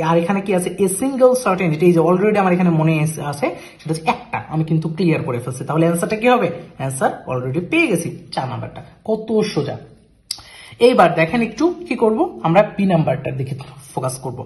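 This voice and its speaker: Fast-talking male IELTS tutor. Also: high-pitched, expressive. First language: Bengali. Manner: switches between Bengali and English terms, reads English phrases slowly. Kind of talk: screen-share lesson walkthrough.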